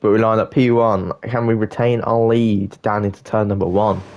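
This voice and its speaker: A man's voice: fairly low pitch, little pitch movement, moderate pace, darkish tone, soft background music. A man commentating over his own racing gameplay, chatty and rambling with fillers. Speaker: gaming channel host.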